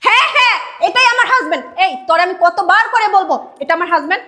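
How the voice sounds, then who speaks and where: A woman playing a defiant, scolding wife. Her voice is very high, bright and piercing. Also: lively intonation, fast talker, exaggerated voice. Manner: scolding, defiant, dialectal speech. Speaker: actor in a short film. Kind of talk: melodramatic short film acting.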